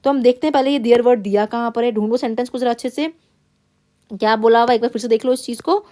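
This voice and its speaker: A woman with a fairly high voice teaches an exam-preparation class. She reads English passages out slowly and carefully, then explains them, checking in with her students again and again. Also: dark tone. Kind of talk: classroom-style exam lesson.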